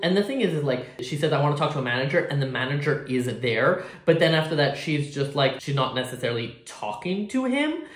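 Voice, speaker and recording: A man with a sassy, expressive drag queen manner, giving casual reaction commentary in an indoor room. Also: a little high, fairly quick, hardly any pauses, reverberant. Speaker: drag performer reacting to a video. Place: indoor room at home, with hard walls.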